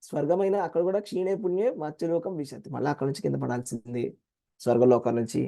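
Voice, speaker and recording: A man with a Telugu accent teaching a scripture class, explaining verses in an animated way and acting out quoted voices. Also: on the high side, fast, vocal fry. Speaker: Gita teacher.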